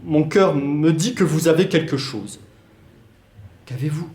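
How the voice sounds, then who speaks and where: This student actor, a young adult man, performs a solo play reading as a pleading, anxious lover who stammers and says things twice. His slightly high, darkish voice moves at a measured pace and is only lightly acted, with roomy echo around it.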